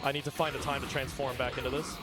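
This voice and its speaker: A man giving casual, excited live commentary while speedrunning a game. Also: medium pitch. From not Australian. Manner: casual, excited, talks fast between game moments. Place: live event stage. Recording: game music playing behind.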